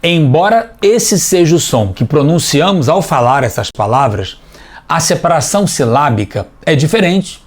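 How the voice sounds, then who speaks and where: A man teaching a scripted TV language lesson for children, explaining clearly and patiently, step by step. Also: fairly high pitch, big pitch swings, moderate pace.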